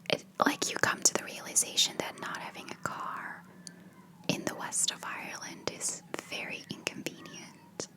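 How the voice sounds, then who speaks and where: A woman whispering in a hushed voice, chatting casually in a rambling ASMR style. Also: normal speed. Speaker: ASMR video creator.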